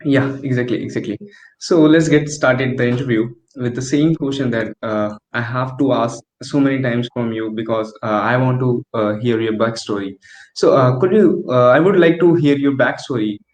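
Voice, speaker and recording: A man hosting an interview show, earnest and halting, often restarting his sentences. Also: medium pitch, slight background noise. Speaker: host. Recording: dull echoey lo-fi sound.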